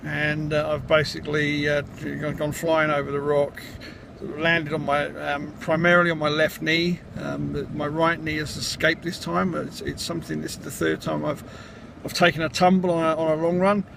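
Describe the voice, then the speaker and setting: A man talking casually in a vlog, recounting things in a halting, rambling, matter-of-fact way. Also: a little high, little pitch movement, gravelly. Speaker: vlogger, amateur runner. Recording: outdoor noise, traffic.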